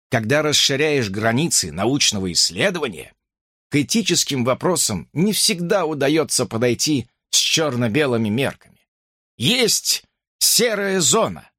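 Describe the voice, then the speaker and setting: A man reading an audiobook, voicing a calm scientist who speaks in a measured, reassuring, firm way. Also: medium pitch, husky, dry recording, studio quality, full character voice. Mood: reproachful. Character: calm, firm male scientist running an experiment. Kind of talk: audiobook character voice.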